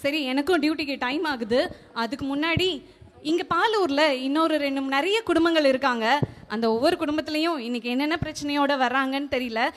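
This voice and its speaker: A woman's voice: high-pitched, a little fast, natural voice. A woman playing a chatty village nurse who guides the audience through the village, in an amateur role play. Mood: guiding. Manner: chatty, guiding.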